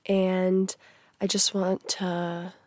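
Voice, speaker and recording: A woman's voice: lowish voice, level tone, very slow, dry recording. A young woman hosting a casual solo podcast, tired and a little stuffy from a cold, chatty and full of fillers. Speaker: podcast host.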